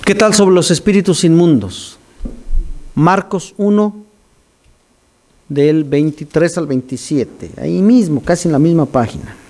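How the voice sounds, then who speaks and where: A man preaching an animated, teaching sermon to his congregation. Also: fairly high pitch, unhurried, long pauses. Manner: animated, teaching, scolds listeners for distracting him. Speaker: pastor.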